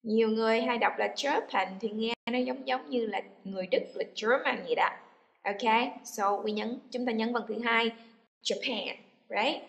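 A woman's voice: fairly high pitch, normal speed, gravelly, dull audio. A woman teaching an English lesson to a class, explaining and then saying model words with strong stress for students to repeat. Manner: switches between explaining and loud, stressed model words for repetition. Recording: echoey room.

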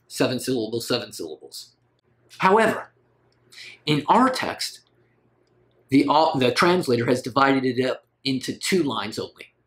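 A man's voice: mid-range voice, fairly bright tone. A man giving a recorded literature lecture, asking rhetorical questions and rising on emphatic words.

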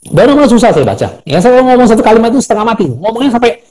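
Animated, high-voiced man telling stories. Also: rapid-fire, low-quality recording. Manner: animated, acts out quoted voices. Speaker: guest speaker and coach. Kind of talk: storytelling in a live interview. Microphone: phone or video call.

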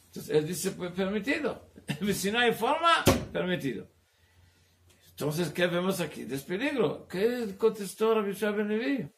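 A man with a rather high, gravelly voice teaches a Talmud class as a rabbi. His delivery is halting. He keeps searching for words and slips Hebrew terms into his explanations. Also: big pitch swings, very noisy. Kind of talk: Torah class.

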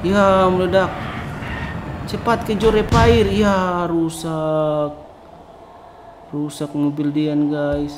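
A man's voice: a little high, flat delivery, drawn-out words, pauses often, background noise. A man casually commentating a video game while playing with his child, talking to viewers and throwing out playful apologies. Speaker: gaming video host.

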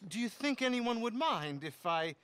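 An actor playing a fawning, scheming writer in a video game, eager and chuckling. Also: male voice, very high voice, big pitch swings, moderate pace, fairly bright tone, clear, resonant tone, full character voice. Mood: ingratiating. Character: fawning, scheming male writer of dime novels.

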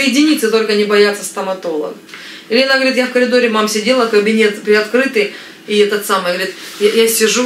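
A woman in her thirties from Ukraine chatting casually to camera in a family vlog, lively and talkative. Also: fairly high pitch, echoey room, slight background noise. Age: 30s. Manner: chatty, lively, gestures with hands. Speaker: family vlogger. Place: living room with floral curtains, indoors.

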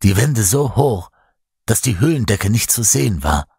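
A man voicing a weak man risen from the dead, with a gurgling, rattling voice and halting speech. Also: on the low side, sing-song, gravelly, warm tone, slightly rough, no echo, clean studio sound, heavily acted. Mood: grim.

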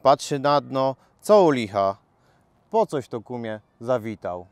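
A man's voice: mid-range voice, big pitch swings, unhurried, darkish tone, clear, resonant tone, dry recording. A man, a local resident, reading a ballad in a boisterous, rollicking way. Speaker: resident reader. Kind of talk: lively poetry reading.

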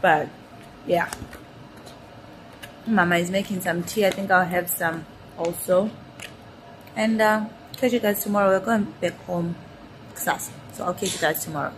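A woman's voice: on the low side, fairly even intonation, normal speed, long pauses. Young southern african lady chatting to her phone vlog style, casual, bit noisy recording. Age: young adult. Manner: chatty, informal. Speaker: vlogger. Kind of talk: casual vlog chat, mixing in Bantu-language words. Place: small hotel room, indoors. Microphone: phone at arm's length.

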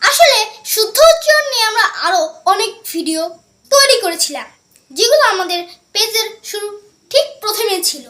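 A woman teaching English pronunciation, spelling out words letter by letter and repeating them slowly. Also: very high voice, pushed and bright, echoey room.

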